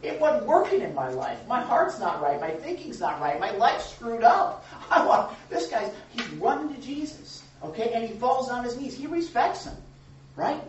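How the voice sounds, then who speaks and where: With a very high-pitched voice full of big pitch swings, a pastor speaks at normal speed while leading a casual Bible study in a church room, asking the group questions and often chuckling. The echoey, far-off recording is dull and lo-fi, with slight background noise.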